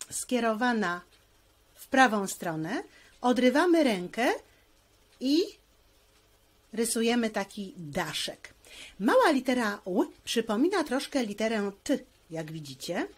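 A woman teacher walks through a handwriting lesson at an unhurried, careful pace. Her voice sits a little high, and she explains each stroke patiently, step by step.

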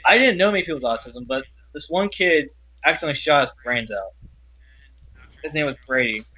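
A young man speaking earnestly as an interview guest, halting and often restarting his sentences. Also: a little high, animated, bright, forceful tone, slightly rough. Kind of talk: personal interview talk. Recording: dull, lo-fi audio.

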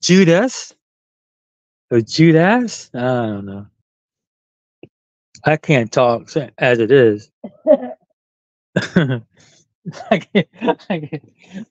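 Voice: medium pitch, very animated, very slow, long pauses, no echo. Playful Puerto Rican accent, dull livestream audio. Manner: playful, bantering. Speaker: livestream host. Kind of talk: casual live chat. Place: live stream of an eclipse viewing.

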